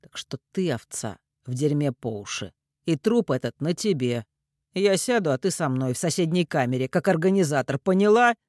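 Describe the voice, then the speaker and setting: A man's voice: a little high, animated, normal speed, no room sound, clean studio sound, close to an everyday voice. A man doing a sneering crude ex-con. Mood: sneering threat. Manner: sneering, coarse. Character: crude mocking male ex-convict, cold and menacing.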